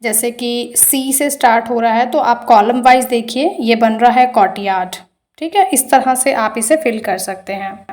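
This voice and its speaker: A woman's voice: on the high side, a little slow, darkish tone. A woman teacher, explaining homework answers step by step and mixing into her Hindi. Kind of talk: homework walkthrough.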